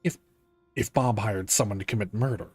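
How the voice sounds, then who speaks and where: A man reading game dialogue aloud as a calm, conscientious police detective, in a serious and deliberate way. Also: lowish voice, husky, dry recording, faint music behind. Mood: musing.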